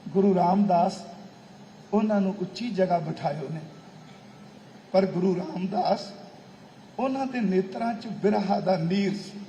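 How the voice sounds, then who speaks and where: Male preacher, high mellow voice, slow emotive sermon storytelling, long hall reverb. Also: muffled recording, a little hiss or hum. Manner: emotive, slow and deliberate, breaks into intoned scripture recitation. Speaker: Sikh preacher.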